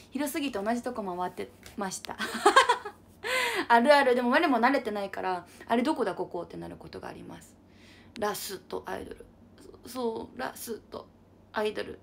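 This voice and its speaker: Young female streamer, bubbly casual chat, bright animated delivery. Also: fairly high pitch, a little hiss or hum. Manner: bubbly, refers to herself with an unusual cutesy pronoun. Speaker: livestream idol host. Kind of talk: casual livestream chat reading comments.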